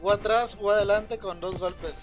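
A man's voice: high-pitched, fairly even intonation, moderate pace. A man with a Mexican Spanish accent casually commenting while playing a fighting game on a live stream, chatty and slangy, laughing at his own jokes. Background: game music.

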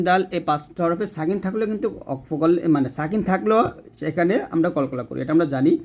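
A man teaching Quran reading in a spoken lesson, patiently explaining and repeating words. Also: high voice. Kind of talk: casual spoken lesson with slow recitation examples.

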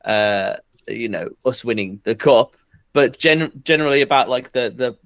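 A man's voice: medium pitch, normal speed, fairly bright tone, no echo. A man, a guest on a casual podcast, talking in a rambling, hesitant way. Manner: rambling, hesitant, many fillers and restarts. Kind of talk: casual chat.

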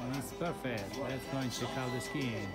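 A man skiing outdoors on a high glacier, giving a quick upbeat snow report in short, clipped phrases while filming on an action camera, a little out of breath. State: slightly out of breath from effort. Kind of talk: casual on-the-go commentary. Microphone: handheld or helmet action camera. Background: loud guitar music.

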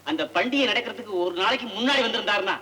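An actor playing a cheeky young male tour guide sidekick in an old film comedy, bantering fast. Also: sits high, lively intonation, sharp tone, distant mic. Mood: selling. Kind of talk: 1960s film comedy acting.

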